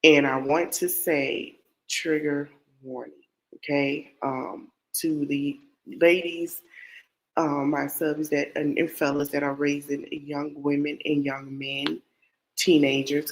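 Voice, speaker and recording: Speaking slowly in a low, flat voice, this true-crime podcast host sounds stuffed up and nasal from a cold, and the recording quality is low. Her talk is casual and meandering, circling back over points as she addresses viewers head-on.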